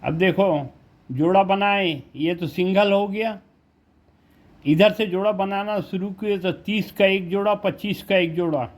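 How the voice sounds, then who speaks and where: A man with a high voice works through a math lesson at an unhurried pace. He explains each step patiently and keeps asking the class questions as he goes. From India. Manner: slow, step-by-step explaining with frequent rhetorical questions. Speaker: math teacher.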